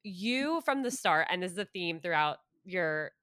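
Bright-voiced woman in her late twenties. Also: lowish voice, expressive, measured pace, smooth, no echo, studio quality. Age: 20s. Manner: candid, self-deprecating, laughs easily. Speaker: podcast host. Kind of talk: casual interview chat.

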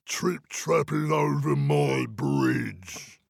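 A man voicing a big greedy troll with a slow, booming, menacing voice. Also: huge pitch swings, creaky, dry recording, studio quality, exaggerated voice. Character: big greedy male troll under a bridge.

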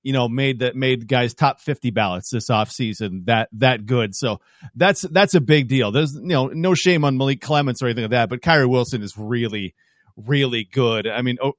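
A man talking football as a guest analyst on a radio show, in a quick, animated, chatty way. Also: mid-range voice, no room sound, studio quality. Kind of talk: casual sports talk.

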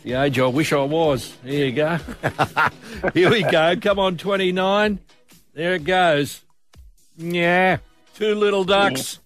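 A man's voice: on the high side, slow pace, fairly bright tone, faint music behind. A middle-aged Australian man hosting breakfast radio, with a chummy, colloquial, upbeat presenting style. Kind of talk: upbeat commercial radio presenting with casual banter. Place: radio studio. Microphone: close studio microphone.

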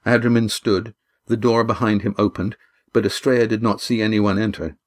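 A man reads a novel aloud in a steady, measured way, his voice sitting fairly low. The delivery is scripted narration, calm and even. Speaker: audiobook narrator.

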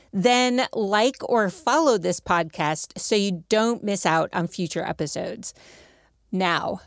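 A woman hosting a podcast, presenting clearly and with enthusiasm. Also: mid-range voice, dry recording, clean studio sound. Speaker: podcast host.

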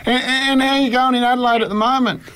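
A man's voice: extremely high pitch, fairly even intonation, fast talker, a bit bright, smooth. A man voicing a friendly country sheep farmer on a prank phone call, with a laconic, hesitant Australian drawl. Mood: matey, hesitant. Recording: phone call played on radio.

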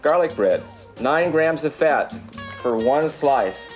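A man's voice: fairly high pitch, lively intonation, slow pace. A man working as a chef, explaining a dish step by step and addressing his learner directly. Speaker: chef giving a cooking demonstration. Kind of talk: step-by-step instructional talk. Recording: music under the voice. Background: background music with guitar.

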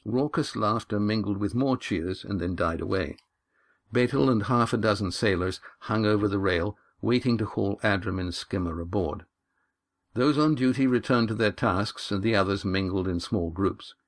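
A man narrates a fantasy novel in an even, measured storytelling voice. His pitch sits on the low side, and he raises it a little for quoted speech. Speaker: audiobook narrator. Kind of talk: scripted narration.

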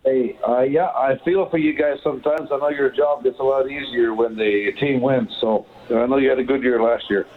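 A man calling in to a sports radio show, talking haltingly with many fillers. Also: mid-range voice, steady tone. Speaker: caller. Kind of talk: call-in radio. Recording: tinny phone line.

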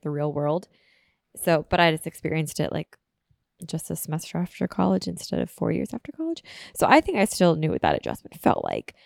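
With a lowish voice and vocal fry, a twentysomething woman hosts her podcast by herself, drifting through chatty, filler-heavy talk while a bit sniffly from a cold. The studio-quality audio carries no room sound.

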